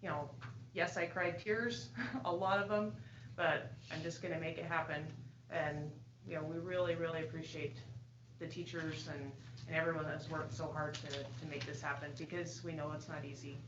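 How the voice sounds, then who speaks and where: A woman's voice: low-pitched, level tone, moderate pace. A woman school board member chairing the meeting, speaking in a plainspoken, chatty way. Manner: warm-hearted, plainspoken, chatty asides with "you know". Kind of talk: public remarks at a board meeting. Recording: echoey, dull room recording with hiss.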